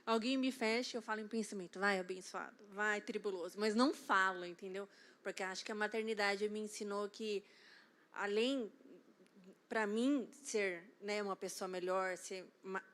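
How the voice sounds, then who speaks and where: A woman with a Brazilian accent telling a lively story at a church Bible study and laughing often. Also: medium pitch. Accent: Brazilian Portuguese. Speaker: church member sharing a testimony. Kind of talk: casual testimony at a Bible study.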